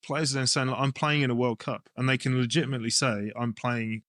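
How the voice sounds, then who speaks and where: In a clean studio recording with no echo, an English-accented man, a rugby coach and club director, chats as an interview guest. He speaks briskly in a steady, mid-range, fairly bright voice, explaining ideas informally as he thinks them through.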